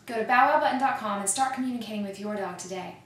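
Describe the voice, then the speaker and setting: A woman presenting a product in a persuasive, upbeat infomercial sales pitch. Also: quick pace, a little hiss or hum. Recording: echoey room, mic at a distance.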